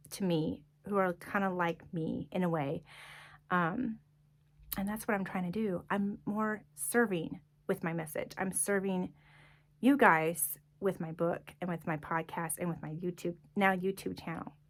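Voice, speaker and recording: Earnest woman sharing her faith testimony. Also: on the low side. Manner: earnest, unscripted, full of fillers. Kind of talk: casual testimony monologue.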